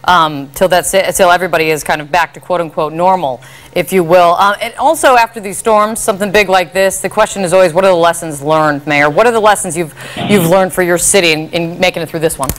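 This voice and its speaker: Female news anchor, lower register, live broadcast interview style, studio setting. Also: brisk.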